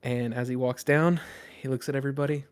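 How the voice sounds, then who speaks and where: A man's voice: medium pitch, steady tone, fast talker, clean tone. A man narrating a tabletop game casually, with many fillers. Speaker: game master.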